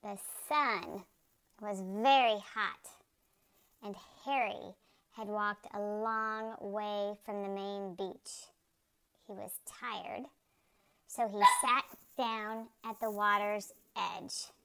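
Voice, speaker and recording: A woman reading a children's picture book aloud, slowly and carefully, jumping high and loud for the characters' shouts. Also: fairly even intonation, smooth.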